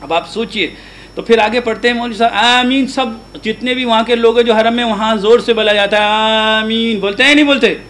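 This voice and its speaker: A man delivers a religious lesson in a fairly high voice, often turning to his listeners with questions. English words slip into his talk. Faint noise sits under the recording. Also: a bit bright, rough recording. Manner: asks the audience frequent questions; chants prayer verses aloud. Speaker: Quran teacher. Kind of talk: religious lecture.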